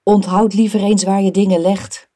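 A woman voicing an angry mother who snaps and shouts in a storybook reading. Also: medium pitch, little pitch movement, moderate pace, lightly acted. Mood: scolding. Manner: sharp, snappy, loud.

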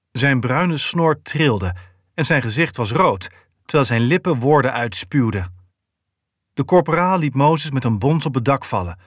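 A man reading a novel aloud in a steady, even storytelling voice. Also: medium pitch, dry recording, studio quality. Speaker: audiobook narrator. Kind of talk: scripted narration.

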